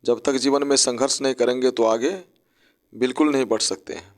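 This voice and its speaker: A man's voice: medium pitch, fairly even intonation, moderate pace. A man teaching an English spelling lesson, breaking words into syllables and spelling them out letter by letter.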